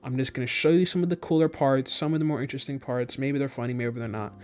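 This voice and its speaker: A man's voice: mid-range voice, steady tone, fast talker, darkish tone, faint music behind. A young man rambling and joking to himself as he gives let's play commentary on a horror game. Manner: rambling, self-talking, jokey. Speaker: gaming channel host.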